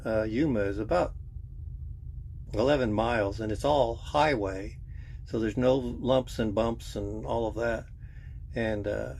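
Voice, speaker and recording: A man giving a casual first-person vlog update in a plainspoken, halting way. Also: medium pitch, vocal fry, darkish tone. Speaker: RV lifestyle vlogger.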